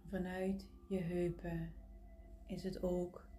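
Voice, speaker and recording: A woman leading a guided relaxation meditation in a soft, breathy, partly whispery voice, close and intimate as if right in your ear, soothing with gentle pauses. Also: on the low side, little pitch movement, faint music behind.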